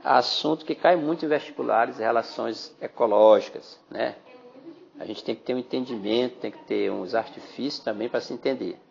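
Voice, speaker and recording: Brazilian male biology teacher, gravelly voice, chatty podcast lesson, dull phone-app recording. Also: mid-range voice, moderate pace, a little mellow. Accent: Brazilian Portuguese. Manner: chatty, addresses listeners as "galerinha", frequent "né?". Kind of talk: podcast exam-prep lesson.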